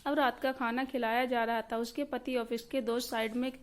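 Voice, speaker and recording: Woman narrating a story in an even voice. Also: a little high, moderate pace.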